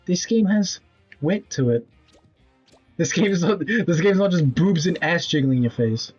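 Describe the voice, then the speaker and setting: A man's voice: fairly high pitch, expressive, moderate pace, darkish tone, breathy edge, dull audio, faint music behind. A man in his twenties streaming a video game, talking casually with blunt, rambling commentary and casual swearing. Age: 20s.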